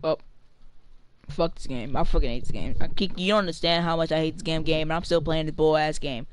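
A man's voice: a little high, fairly even intonation, brisk, a little hiss or hum. A man streaming a video game live, chatting casually to his viewers, frustrated and swearing a lot. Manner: complains to viewers and talks to his pet. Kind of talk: casual live gaming commentary.

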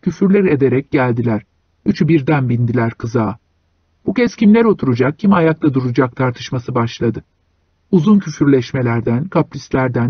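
A man reading a short story aloud as an audiobook narrator, in a measured storytelling manner. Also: medium pitch, husky, dry recording, dull audio. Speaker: audiobook reader.

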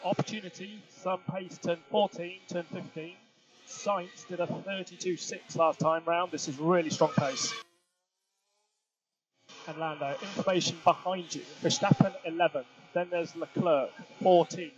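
Over a noisy team radio link, a Formula One race engineer talks into his headset, his slightly high voice a little slow and fairly even. The team radio filter leaves the audio dull as he gives his driver clipped, procedural instructions.

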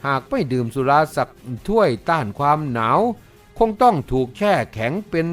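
A man's voice: sits high, big pitch swings, normal speed, soft background music. A man voicing a sly, teasing young noblewoman in an audiobook, talking in a sweet, mocking tone. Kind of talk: audiobook character voice.

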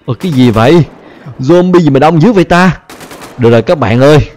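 A man with a Vietnamese accent hosting a gaming channel, talking excitedly and chattily to viewers over his gameplay, often repeating phrases. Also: a little high, fairly quick. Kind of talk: casual game commentary.

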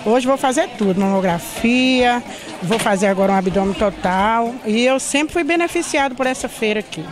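A woman's voice: a little high, animated, normal speed, a crowd in the background. A woman in her fifties cheerfully thanking people in a street interview, into a handheld mic outdoors. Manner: cheerful, grateful. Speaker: patient interviewed. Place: outdoors at a crowded health fair. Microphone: handheld reporter mic.

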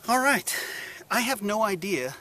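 Speaking in a high-sitting, sing-song voice that is bright and forceful, the vlog host takes his time. He is in his forties and addresses the camera up close in a casual, straightforward way, moving from an outdoor yard to an indoor workshop.

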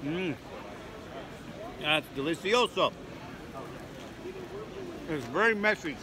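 A man's voice: a little high, animated, takes it slowly. Man talking while chewing fair food. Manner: chatty, relishing the food. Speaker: host. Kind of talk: casual food taste test. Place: busy state fair, outdoors. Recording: outdoor fair crowd noise. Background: crowd chatter.

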